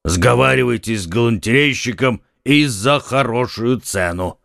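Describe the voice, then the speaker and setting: A man reading an audiobook, voicing a loud, boastful musketeer who teases and scoffs at his friends. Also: medium pitch, measured pace, vocal fry, no room sound, clean studio sound. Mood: scornful. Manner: teasing, scoffing. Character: loud boastful male musketeer, mocking and indiscreet.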